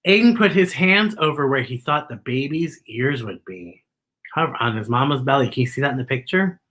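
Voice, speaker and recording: A children's story-time host reads a picture book aloud in a mid-pitched, husky voice, very expressive and exaggerated in the telling. The host pauses to point out pictures and makes asides to the listeners, keeping the read-aloud animated.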